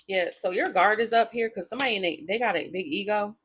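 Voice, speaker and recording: A tarot reader with a medium-pitched, slightly bright voice does a casual reading for her viewers at a quick pace. She addresses them directly, blunt and profane, often bursting into laughter. A little hiss or hum is audible.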